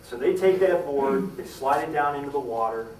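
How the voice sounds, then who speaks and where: A man's voice: animated, normal speed, darkish tone, slight background noise. A man telling a historical story to a live audience, acting out the characters' lines with dramatic swings in voice. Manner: dramatic, acts out quoted lines with rising pitch and volume. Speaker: historical storyteller giving a talk. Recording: echoey room, distant mic, faint ambience.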